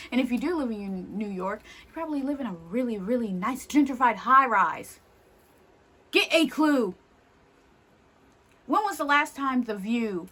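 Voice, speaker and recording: A young woman talks straight to her camera in a casual, unscripted rant. Her voice sits a little on the high side, and she is blunt, exasperated and liberally profane, hammering her points home. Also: a bit bright. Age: young adult. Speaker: vlogger.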